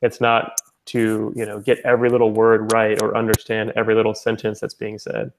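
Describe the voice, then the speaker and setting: Young man talking in a flat, level tone. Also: fairly low pitch, fairly quick, a little hiss or hum. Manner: rambling, with many fillers and restarts. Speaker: founder presenting his language-exchange platform. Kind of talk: casual spoken presentation.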